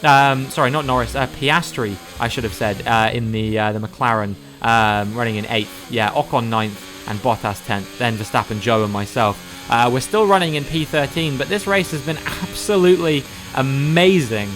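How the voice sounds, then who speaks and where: Over soft background music, a man with a mid-range voice gives live commentary on his own racing game for YouTube. He races through positions play by play and rises sharply in excitement at incidents.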